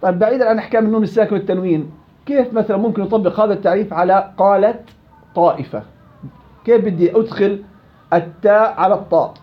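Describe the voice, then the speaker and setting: A man with a Levantine Arabic accent teaching Quran recitation, quizzing students, praising answers and stretching out example words slowly. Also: high voice, highs cut off. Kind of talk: classroom teaching.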